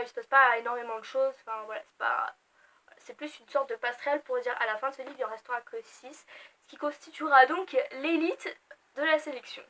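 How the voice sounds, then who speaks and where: A young French woman casually reviewing books she read, chatty and animated, with self-mocking asides and frequent fillers. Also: on the high side, rough recording. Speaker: book vlogger. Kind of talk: casual book review vlog.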